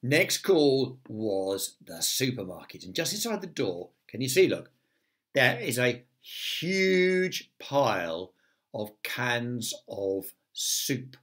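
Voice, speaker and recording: A man's voice: medium pitch, sing-song, slow pace, fairly bright tone. A man who teaches primary school, reading a children's story aloud with chatty asides to the young listeners.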